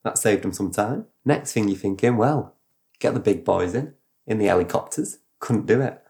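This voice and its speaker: A man's voice: lowish voice, normal speed, creaky. Man rambling through a story. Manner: rambling, animated retelling with sound effects. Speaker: podcast host. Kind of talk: casual storytelling chat.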